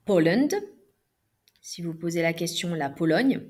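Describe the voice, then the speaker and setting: A woman teaching English vocabulary, modelling each word clearly for students to repeat. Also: deep voice. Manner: slow, deliberate, exaggerated stress on modelled words. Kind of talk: pronunciation lesson, modelling words for repetition.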